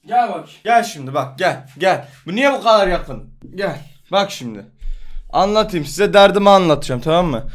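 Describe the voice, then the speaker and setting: A man's voice: high voice, animated, normal speed. A man in his twenties ranting on his vlog, exasperated and swearing, repeating himself. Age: 20s. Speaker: vlogger.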